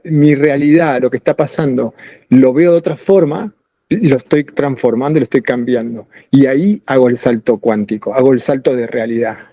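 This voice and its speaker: A man's voice: mid-range voice, warm tone, dry recording, dull audio. A man with a Rioplatense Spanish accent talking casually on a podcast, rambling through ideas with many restarts. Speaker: podcast co-host.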